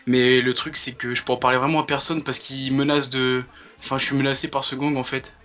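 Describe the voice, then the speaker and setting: A man playing a troubled, bullied gang member on a prank phone call, talking in a halting, rambling way. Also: medium pitch, level tone, pushed and bright, close to an everyday voice. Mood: anxious, confiding. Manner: speaking over the phone. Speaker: prank caller.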